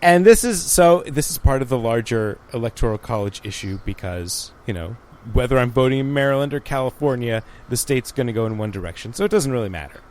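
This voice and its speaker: A man on a podcast chats in a wry, halting way, full of fillers and restarts. His pitch moves in lively swings up and down. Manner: hesitant with many fillers, wry. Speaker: podcast co-host. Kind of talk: casual chat and reading aloud.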